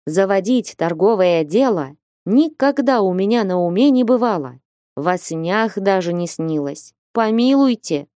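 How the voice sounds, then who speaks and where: A woman's voice: mid-range voice, animated, unhurried, warm tone, no echo, studio quality, lightly acted. A woman doing a meek, sighing young man. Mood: timid. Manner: timid, sighing. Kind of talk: audiobook reading.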